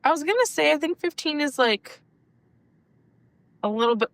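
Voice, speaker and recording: A woman's voice: high-pitched, animated, normal speed, dry recording. A woman in her twenties co-hosting a podcast, chatting casually and thinking aloud hesitantly. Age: 20s. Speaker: podcast co-host. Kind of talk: casual chat.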